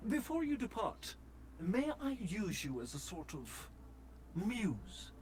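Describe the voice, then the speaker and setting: Polite robot butler. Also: male voice, sits high, huge pitch swings, slow pace, darkish tone, slight background noise, heavily acted. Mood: courteous. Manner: formal and courteous.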